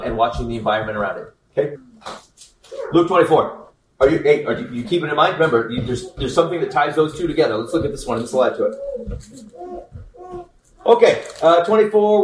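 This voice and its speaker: Man, slightly high voice, relaxed joking Bible teacher, recorded off-mic in a roomy hall. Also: distant mic, a little hiss or hum. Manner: informal, joking, checks in with frequent "okay?". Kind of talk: conversational Bible teaching to a group. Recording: echoey room, speaker away from the mic.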